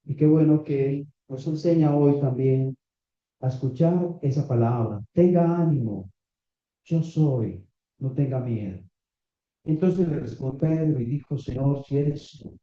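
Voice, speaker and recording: Male preacher, unhurried and deliberate, questioning his congregation; roomy, muffled recording. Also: mid-range voice, warm tone. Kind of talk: sermon. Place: small church meeting room. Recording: echoey, slightly dull church recording.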